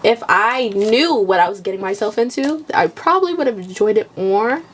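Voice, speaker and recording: A woman's voice: mid-range voice, normal speed, slight background noise, low-quality recording. Young woman, blunt casual podcast chat. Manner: blunt, swears freely, animated retelling. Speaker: podcast co-host.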